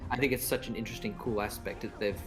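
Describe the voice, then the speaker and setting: A man co-hosting a gaming livestream, relaxed and explanatory, with hesitant pauses. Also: fairly low pitch, rough recording. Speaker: co-host and coach. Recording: game music behind.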